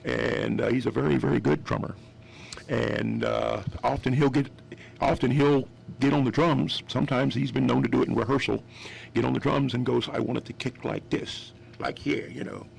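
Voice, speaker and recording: On a radio interview, a guest musician in his fifties from West Virginia tells rambling stories and often begins his sentences again. His gravelly, mid-range voice keeps a steady tone at a moderate pace, with a little hiss or hum in the background.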